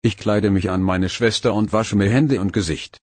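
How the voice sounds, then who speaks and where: Reading phrases aloud for learners, this man has a fairly low, husky voice with a breathy quality. Each phrase comes slow, even, and careful, followed by a pause. The audio is close and dry, with no echo or room behind it.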